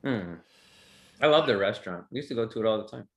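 A man's voice: on the low side, lively intonation, fast talker, a bit bright, roomy sound, muffled recording. A man co-hosting a casual sports podcast, joking and teasing the others. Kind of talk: casual chat.

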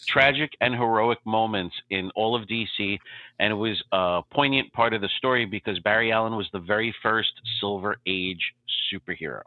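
Man, low voice, tinny phone-line sound, dry, casual podcast storytelling. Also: moderate pace, no echo. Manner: animated storytelling, repeats "okay?" to check in. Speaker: podcast co-host.

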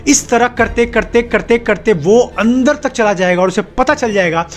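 A man's voice: extremely high pitch, moderate pace. A young man giving an emphatic motivational monologue to camera, stacking up short repeated phrases. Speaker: self-help video host.

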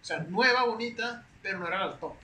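A young man with a Mexican accent, a podcast guest telling stories in a slangy, animated, casual way. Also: high voice, brisk. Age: young adult. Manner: slangy, animated, peppers speech with güey. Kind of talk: casual storytelling chat. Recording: roomy echo with faint hiss.

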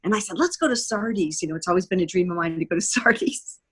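In a casual podcast interview, a woman who produces theatre tells stories with animation, chatting and performing remarks. Her fairly low, fairly bright voice moves fast and carries a breathy edge.

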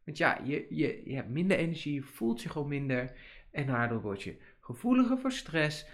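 A man's voice: on the high side, very animated, moderate pace. A man, hosting a casual podcast monologue, chatty and rambling with many fillers. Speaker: podcast host.

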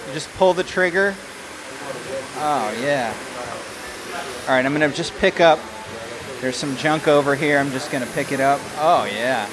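A man's voice: a little high, a little slow, pauses often, crowd noise, poor audio. Playful man chatting inside a store. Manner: playful, jokey. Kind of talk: casual chat on location. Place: busy store and food hall.

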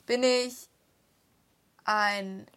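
A young woman speaking, chatting casually and excitably while playing a guessing game, swearing now and then when stuck. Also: mid-range voice, drawn-out words. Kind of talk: casual chat.

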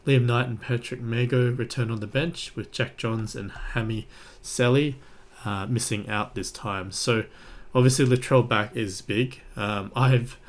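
A man's voice: mid-range voice, fairly even intonation, unhurried. An Australian man hosting a sports podcast, giving casual, conversational commentary in an informal way.

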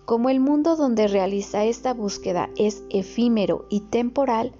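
A woman reading a reflective story aloud in a slow, measured way, with occasional slips and restarts. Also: on the high side, dark tone. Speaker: narrator. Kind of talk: read-aloud reflective narration. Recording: dull lo-fi recording with faint music.

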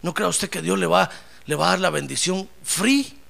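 A man preaching a sermon, telling comic stories and breaking into loud shouts of praise. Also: high voice, normal speed, creaky. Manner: comic storytelling, bursts into shouting.

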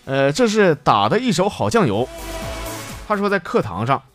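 A man's voice: fairly high pitch, moderate pace, music in the background. Joking man with a Northeastern Chinese accent. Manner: jokey, animated, voices the characters in his stories. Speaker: radio host reading listener stories. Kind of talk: comedic storytelling.

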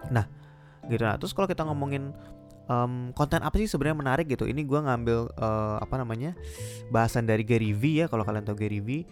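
A young man hosting a solo podcast in a relaxed, chatty way, with lots of casual filler phrases. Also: mid-range voice, fast talker, soft background music. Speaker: podcast host.

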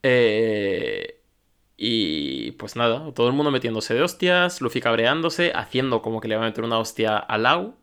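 A man's voice: medium pitch, big pitch swings, normal speed, a bit bright, smooth. Wry man recapping manga. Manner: wry, joking, acts out quotes. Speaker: podcast co-host. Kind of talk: casual chat recapping manga chapters.

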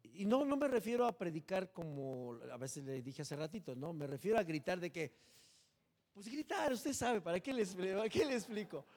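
A man preaching a sermon as pastor, animated and joking, swinging between loud and hushed. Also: high voice, normal speed.

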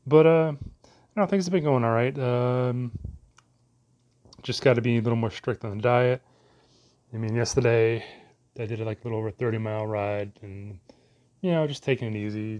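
Low-voiced man rambling casually. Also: darkish tone. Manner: meandering, many fillers, mild cursing.

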